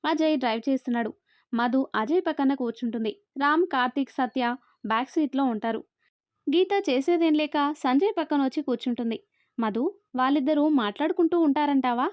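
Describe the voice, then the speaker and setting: A woman narrating a story in a steady storybook reading manner. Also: high-pitched, a little fast, no echo. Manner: steady storybook reading, voices every character herself. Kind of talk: scripted narration. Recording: dry, slightly dull recording.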